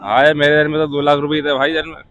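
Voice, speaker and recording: A man's voice: a little high, flat delivery, rapid-fire, muffled recording, a crowd in the background. Pakistani man vlogging at an outdoor market. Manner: addresses viewers as brothers, repeats what traders tell him. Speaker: vlogger and host touring a cattle market. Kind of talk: casual on-site market commentary and questioning of traders. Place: outdoor livestock market on a windy day.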